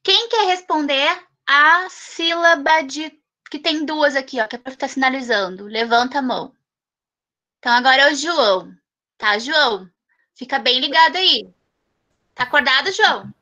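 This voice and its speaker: A woman's voice: high-pitched, normal speed, sharp tone. A woman teaching a class of young children over a video call, affectionate and coaxing, stretching out syllables. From southern Brazil. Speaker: primary school teacher.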